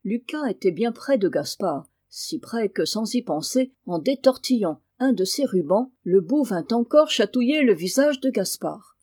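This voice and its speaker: A woman reading a classic children's novel aloud, in a clear, measured way. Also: medium pitch, animated, darkish tone, no room sound, studio quality. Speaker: reader.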